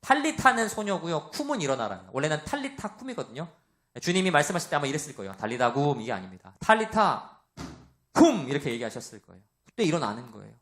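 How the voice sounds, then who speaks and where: Animated loud-voiced Korean man preaching. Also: on the high side, rapid-fire. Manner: animated, acts out quoted voices, asks the congregation questions. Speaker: pastor. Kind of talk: sermon.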